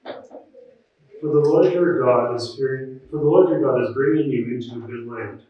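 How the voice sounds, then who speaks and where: A man reading scripture aloud in a large church, with a measured, solemn delivery and a cathedral echo. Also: medium pitch. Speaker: scripture reader. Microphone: distant room microphone. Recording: echoey muffled church recording from far off.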